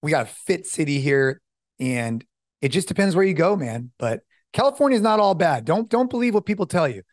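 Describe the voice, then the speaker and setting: A man's voice: a little high, big pitch swings, brisk, no room sound, studio quality. A middle-aged man hosting a podcast, talking casually and upbeat, often saying dude and man. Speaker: podcast host. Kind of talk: casual chat.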